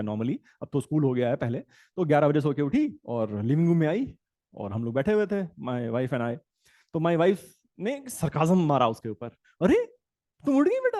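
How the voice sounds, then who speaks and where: A man's voice: fairly high pitch, a little mellow, no room sound, studio quality. A middle-aged man with an Indian accent teaching an online exam class, chatty and joking, calling students "beta" and mixing English into Hindi. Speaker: CAT exam tutor.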